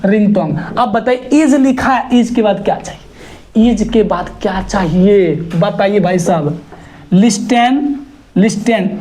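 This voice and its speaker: A male teacher runs an exam-prep grammar lesson in a lively, teasing way. He scolds with rhetorical questions and spells words out letter by letter. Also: sits high.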